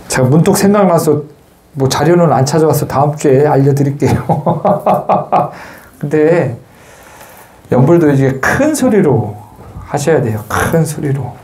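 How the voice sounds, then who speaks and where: A man delivers a temple sermon as a Buddhist monk in a fairly high voice. He talks casually with his listeners and teases them. Now and then he calls out a line loudly to show them how. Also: expressive, measured pace. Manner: chatty and joking, teases the listeners, shouts chants to demonstrate. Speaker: Buddhist monk giving a Sunday dharma talk.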